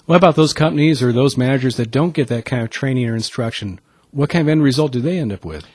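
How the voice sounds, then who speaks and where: A man interviewing a guest, asking brisk, direct questions. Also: mid-range voice, darkish tone, breathy edge, dry recording.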